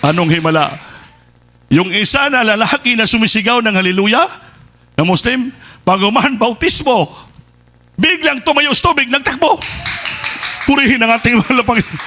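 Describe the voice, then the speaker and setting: A male preacher delivers a testimony sermon. His voice sits high and bright, with a forceful edge. He is animated, and he acts out the people in his story as he tells it. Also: normal speed, pauses often, a little hiss or hum. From Philippines. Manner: lively storytelling, switches between Tagalog and Visayan, acts out quoted people.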